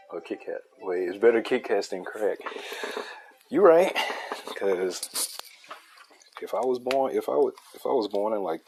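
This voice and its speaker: A man with a deep, gravelly, soothing voice and darkish tone chats loosely while drawing a comic on a livestream. He's laid-back and rambling, with laughs and restarts along the way.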